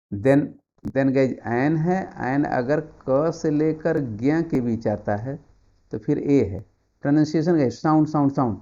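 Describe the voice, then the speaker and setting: Man teaching grammar, Indian accent, dark voice. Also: mid-range voice, muffled recording. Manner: repeats key words, drills viewers with timed quiz questions. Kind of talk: online exam-prep grammar lesson.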